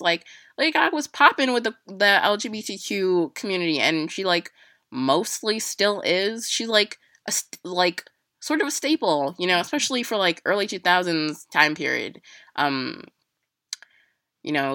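A young woman telling a personal story in a casual, halting way, full of fillers and restarts, with emotion close to the surface. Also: mid-range voice, pushed and bright, no room sound. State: emotional, near tears.

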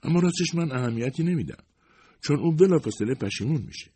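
A man's voice: fairly high pitch, expressive, mellow, breathy edge, pitched above the performer's own voice. A man voicing a humble, worried secretary in her fifties who talks hesitantly and apologetically. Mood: apologetic. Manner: hesitant, modest, self-excusing.

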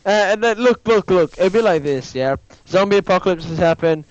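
A man's voice: high voice, lively intonation, fairly quick, dry recording, muffled recording. A young man chatting casually on a podcast, rambling and cutting in with "look, look" to take the floor. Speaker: podcast co-host. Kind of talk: casual chat.

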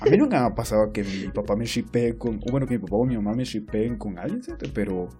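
A man's voice: fairly low pitch, very animated, quick pace, warm tone. A young man with a Guatemalan accent co-hosting a podcast, trading crude, slang-heavy jokes and laughing often. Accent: Guatemalan Spanish. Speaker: podcast co-host. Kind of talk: casual chat.

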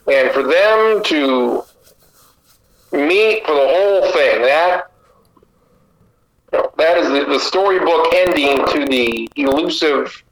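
A man's voice: on the high side, takes it slowly, long pauses, fairly bright tone, poor audio. A man co-hosting a sports podcast, giving opinionated takes in long runs of casual chat. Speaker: podcast co-host.

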